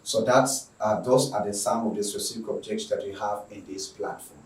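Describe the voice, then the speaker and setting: A man's voice: fairly low pitch, steady tone, a little fast, recorded from a distance. A man from Tanzania giving a spoken introduction to his online school lessons, often restarting and repeating words as he goes. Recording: roomy sound, voice away from the mic.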